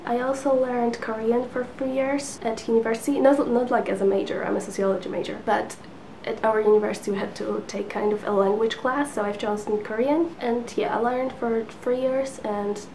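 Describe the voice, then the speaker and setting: A book vlogger in her twenties with Polish as her first language chats to a camera in front of her at sitting distance from an indoor living room couch with a lamp, using lots of fillers and little laughs. Her mellow voice is on the high side with fairly even intonation, and she talks briskly with few pauses. The audio quality is poor, with slight background noise.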